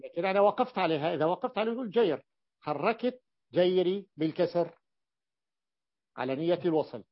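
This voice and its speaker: A man's voice: sits high, lively intonation, quick pace, no echo, muffled recording. A man teaching a grammar lesson, explaining step by step and repeating key points for his students.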